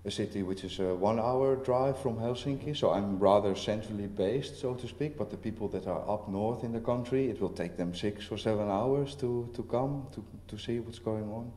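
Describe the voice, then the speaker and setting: A lowish, mellow male voice belongs to a visiting artist taking part in a casual panel talk at a festival venue. He halts frequently, restarting and using fillers, and the roomy hall adds faint noise to the recording.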